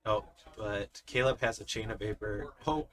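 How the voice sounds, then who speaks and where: A man's voice: on the low side, fairly even intonation, moderate pace, a bit bright. A man giving live card game commentary, explaining the plays step by step in an analytical way. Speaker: tournament commentator.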